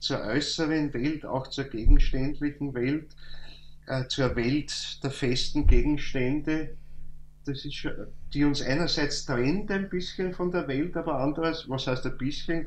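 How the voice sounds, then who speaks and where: A man giving a calm, thoughtful spoken lecture, reciting verse slowly at times. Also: medium pitch, dull audio. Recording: echoey room, faint hum.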